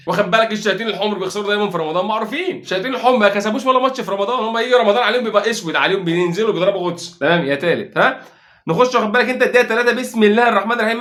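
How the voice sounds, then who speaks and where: Egyptian man, mocking football fan recap, high bright voice, very fast. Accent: Egyptian Arabic. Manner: joking, mocking, rapid rants with exasperated asides. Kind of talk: casual sarcastic match recap.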